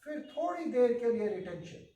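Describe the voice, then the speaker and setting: A man teaching children a yoga breathing lesson in a calm, instructive way, mixing in English terms. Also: extremely high pitch, normal speed, echoey room, recorded from a distance, highs cut off.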